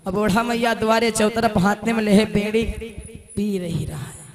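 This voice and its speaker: A man's voice: high voice, steady tone, moderate pace, a crowd in the background. A man telling a folk tale, speaking to listeners and breaking into repeated sung refrains. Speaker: kathavachak storyteller. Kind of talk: sung and spoken folk storytelling. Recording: tabla and music behind. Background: music with tabla.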